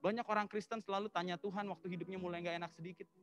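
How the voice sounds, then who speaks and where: A male pastor giving a casual, lively sermon, telling the story in slang and mixing in English phrases. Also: sits high, very fast, faint music behind. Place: church service.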